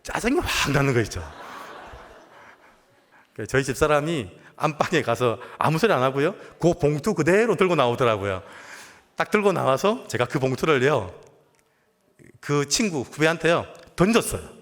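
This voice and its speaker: A man's voice: a little high, big pitch swings, moderate pace, a bit bright. A male pastor preaching a sermon in a conversational storytelling way, often asking the congregation questions. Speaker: guest pastor. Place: church sanctuary. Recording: long church reverb.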